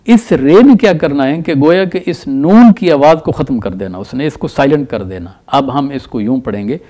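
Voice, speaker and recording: A middle-aged man teaching recitation rules, explaining slowly and repeating examples with drawn-out chanted words. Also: mid-range voice, expressive, dark tone. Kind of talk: tajweed lesson.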